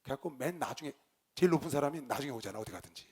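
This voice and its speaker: A male pastor preaching, telling a story with lively swings between loud outbursts and quiet low asides. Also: rapid-fire, slightly rough. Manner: animated storyteller, shouts quoted lines, drops to low asides. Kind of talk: sermon with storytelling.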